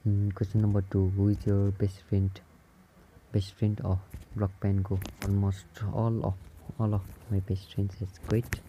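A man's voice: fairly low pitch, completely flat delivery, measured pace, muffled recording, a little hiss or hum. A teenage boy from Nepal answering viewer questions over gameplay, hesitant and searching for words. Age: teens. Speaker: gaming YouTuber. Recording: loud background music.

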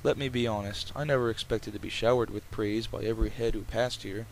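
A man's voice: fairly low pitch, fairly even intonation, a little fast, low-quality recording. A man reading game text aloud in an informal way, with casual joking asides. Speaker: let's player reading a visual novel aloud. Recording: clear background noise, game ambience.

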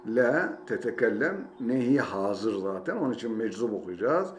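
A man's voice: fairly low pitch, sing-song, normal speed, slight background noise. A man teaching a language lesson, saying each phrase twice and then translating it. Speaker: Arabic teacher. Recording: roomy echo, faint ambience.

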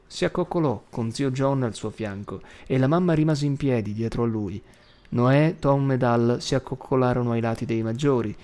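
Man, audiobook narrator, calm, measured, steady literary reading. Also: mid-range voice. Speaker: audiobook reader.

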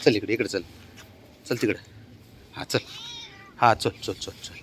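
A man's voice: on the low side, steady tone, unhurried, a little hiss or hum. Man coaxing his cat, over and over. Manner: coaxing, repetitive calls to a cat. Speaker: cat owner filming his pet. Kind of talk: casual talk to a pet.

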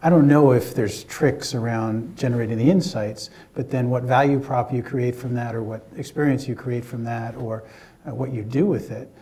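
Give me a mellow-toned man thinking aloud at a panel discussion. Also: mid-range voice, steady tone, moderate pace. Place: lecture hall.

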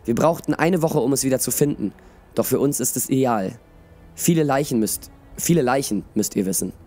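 A man's voice: medium pitch, a little fast, dark tone, soft background music, pitched above the performer's own voice, natural voice. A man voicing a grinning young male necromancer in a read-aloud storybook, speaking in a matter-of-fact way. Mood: cheerful.

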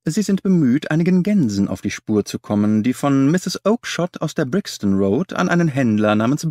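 A man playing a composed, clever detective in a storybook reading. He speaks in a measured, assured way with a lively, varied melody. The sound is close and dry. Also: mid-range voice, no echo, voice pushed up, natural voice. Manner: measured, gentle, self-assured. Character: calm, clever male detective, self-assured. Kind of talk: audiobook character voice.

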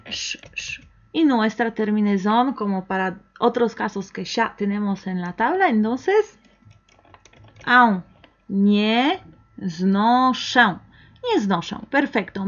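A woman with a somewhat high voice gives an online language lesson. She speaks slowly and patiently, asks the learner questions and waits for the answers. The recording sounds dull and lo-fi. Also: fairly bright tone. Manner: slow, patient, encouraging, with pauses for the learner to answer. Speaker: language teacher.

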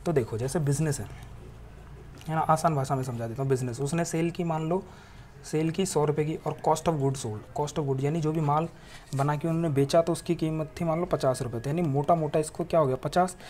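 A man's voice: a little high, fairly quick, a little mellow, a little hiss or hum. A male teacher giving a classroom lecture, explaining patiently step by step, mixing English terms into his explanations and asking rhetorical questions that he answers himself. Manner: asks rhetorical questions and answers them, with frequent tag questions.

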